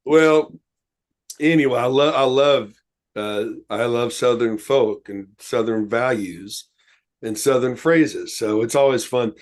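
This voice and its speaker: A man's voice: mid-range voice, slow. A man co-hosting a casual talk show, telling stories in a rambling, folksy way with many fillers. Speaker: co-host. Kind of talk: casual podcast chat.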